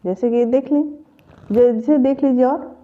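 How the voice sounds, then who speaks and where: A woman's voice: high-pitched, fairly even intonation, moderate pace. A woman teaching a grammar lesson for exam preparation, patiently repeating each example step by step. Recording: tinny phone-like audio.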